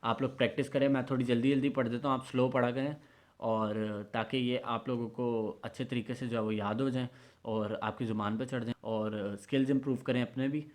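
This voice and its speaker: A man teaching Quran recitation in an online lesson, slowly drilling syllables and explaining in quick bursts. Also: medium pitch, little pitch movement.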